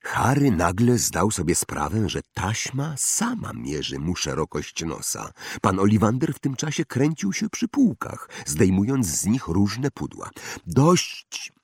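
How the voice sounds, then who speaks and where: Male audiobook narrator, gravelly and dry-sounding, slow and lively in tone. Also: lowish voice, no echo. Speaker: audiobook reader. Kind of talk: scripted storybook narration.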